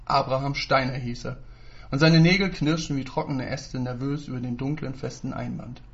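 A man narrating a story in measured storytelling style. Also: mid-range voice, fairly even intonation, vocal fry, a bit bright. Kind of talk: scripted narration. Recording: dull lo-fi recording.

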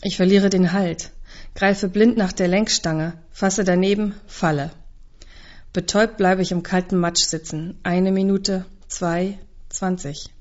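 A woman with a fairly low voice reads a literary novel in the first person. Her delivery is measured, subdued and introspective. The recording sounds a little dull and lo-fi. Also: fairly even intonation, a little mellow. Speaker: audiobook narrator.

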